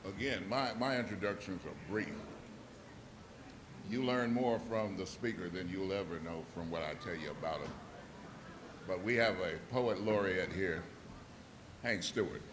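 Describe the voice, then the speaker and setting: A man's voice: low-pitched, unhurried, long pauses, noisy background. A man acting as emcee, giving a plain, matter-of-fact introduction of the next speaker. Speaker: event emcee. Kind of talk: brief introduction. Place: large auditorium.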